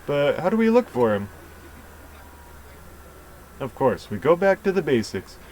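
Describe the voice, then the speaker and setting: A man's voice: very animated, unhurried, darkish tone, slight background noise, low-quality recording. Man casually reading game dialogue. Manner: plain, low-key reading with dry asides. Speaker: let's play host.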